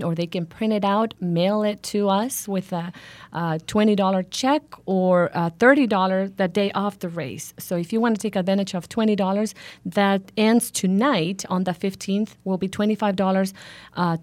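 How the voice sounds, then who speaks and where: A woman's voice: medium pitch, a little mellow, dry recording. Earnest woman from Honduras, dry sound. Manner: earnest, hesitant with many fillers. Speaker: guest, foundation founder. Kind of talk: radio interview.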